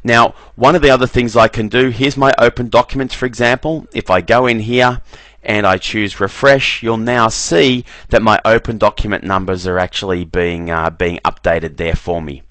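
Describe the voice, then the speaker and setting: A man giving a relaxed screen-recorded software walkthrough, often repeating "very, very" as he clicks through menus. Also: on the low side, moderate pace, dry recording. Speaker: software trainer.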